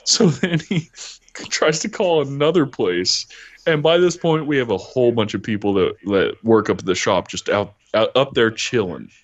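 A man's voice: medium pitch, moderate pace. A man hosting a podcast, telling a story in casual chat, swearing often and laughing as he goes. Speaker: podcast host. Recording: dull lo-fi recording.

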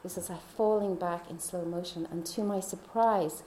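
A woman tells a personal faith testimony in a chatty, easy way, laughing often and dropping to soft whispers. Her voice sits a little low and sounds warm and mellow. The room around her is echoey. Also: fairly even intonation, moderate pace, a little hiss or hum. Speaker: speaker.

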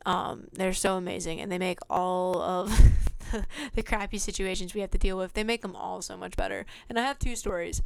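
A woman's voice: medium pitch, steady tone, normal speed, gravelly, a little mellow, clear, resonant tone, no echo. A young woman hosting a podcast, telling her own work stories in a casual, chatty monologue full of fillers and little laughs. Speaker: podcast host.

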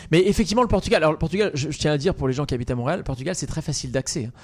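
A man's voice: on the high side, lively intonation, rapid-fire. A man hosting a radio show, chatting casually and teasing his co-hosts. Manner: teasing, joking. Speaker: radio host.

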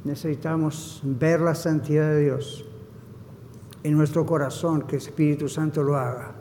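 A male pastor preaching a fervent sermon, swinging from hushed lines to loud emphasis and slipping in short English phrases. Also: fairly high pitch, fairly even intonation, moderate pace, slight background noise. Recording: reverberant hall.

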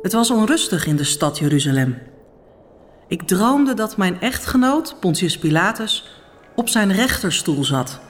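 A woman playing a dream-haunted Roman noblewoman. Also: medium pitch. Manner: solemn, urgent, hushed storytelling. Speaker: Pilate's wife. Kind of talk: dramatic first-person monologue.

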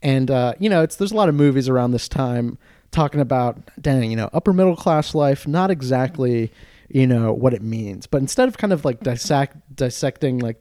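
A young man co-hosting a casual podcast, talking through a film in a loose, rambling way full of fillers. His voice is warm and mellow, recorded close and dry with no room sound. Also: medium pitch, dry recording. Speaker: podcast co-host.

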